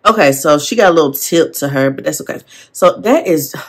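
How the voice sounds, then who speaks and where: A woman chatting casually while decorating her planner, excitable and gushing, with rambling asides. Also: low voice, a little fast, breathy edge. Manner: excitable, gasping and gushing over stickers. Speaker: planner vlogger. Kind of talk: casual plan-with-me chat. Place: seated at a desk at home.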